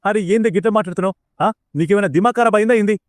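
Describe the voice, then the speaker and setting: A man's voice: high voice, very fast, no room sound, studio quality, lightly acted. A man voicing a grieving, hot-tempered village father with a Telangana accent, blunt and angry. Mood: disbelieving. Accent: Telangana Telugu.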